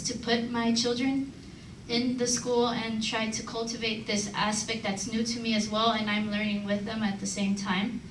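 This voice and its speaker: A woman in her thirties from Los Angeles, speaking up at a community meeting, earnest and reflective, with many hesitant fillers. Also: on the high side. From Los Angeles, United States. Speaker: audience member at a community meeting. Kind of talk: personal testimony in open discussion. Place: large meeting room indoors. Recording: roomy hall, distant mic, faint hiss.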